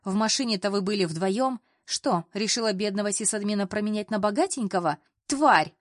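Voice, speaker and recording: A woman voicing a jealous young female colleague who is shrill and picks fights. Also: brisk, dry recording, clean studio sound, natural voice. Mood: furious. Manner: shrill, scandal-making.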